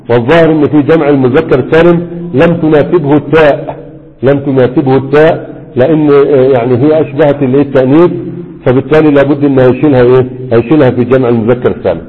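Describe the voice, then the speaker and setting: A man's voice: mid-range voice, in a large hall, narrow, tinny audio. A man with an Egyptian Arabic accent teaching a classroom grammar lesson. He keeps quizzing his students and stretches out his fillers.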